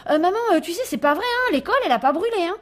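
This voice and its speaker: A woman voicing a sheepish little boy who tells fibs, high and hesitant with little "euh"s, in a storybook reading. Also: expressive, racing.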